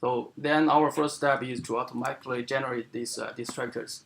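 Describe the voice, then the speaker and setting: A man giving an academic seminar lecture as the speaker, explaining in a halting way with many fillers and restarts. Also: mid-range voice, fairly even intonation, vocal fry, fairly bright tone, slight background noise. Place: lecture room.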